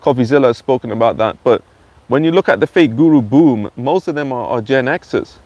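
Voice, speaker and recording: A man's voice: medium pitch, fairly quick, darkish tone, no room sound, highs cut off. A channel host giving a blunt, insulting ranting monologue and repeating his phrases.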